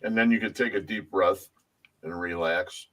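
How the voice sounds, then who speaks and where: A man's voice: low voice, moderate pace, a bit bright. A man guesting on a talk show, genial and full of compliments. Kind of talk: casual talk show banter.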